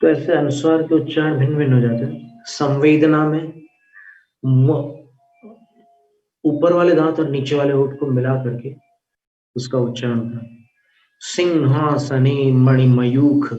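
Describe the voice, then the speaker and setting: A man's voice: mid-range voice, steady tone, dark tone. Man chanting and teaching pronunciation. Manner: alternates chanted verses with quick explanations. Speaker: recitation teacher. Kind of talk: teaching Sanskrit hymn pronunciation. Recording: echoey, dull, distant mic.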